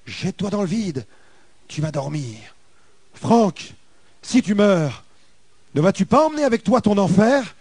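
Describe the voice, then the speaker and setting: A man voicing a soft spirit voice that coaxes and urges in a low, hushed tone. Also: big pitch swings, measured pace, long pauses, no room sound, exaggerated voice. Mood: coaxing. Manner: coaxing, hushed, insistent. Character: soft luring spirit voice urging death.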